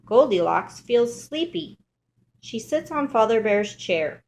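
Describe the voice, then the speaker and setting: A woman's voice: a little high, very animated, slow pace, vocal fry. Woman reading a picture book aloud. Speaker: storybook reader.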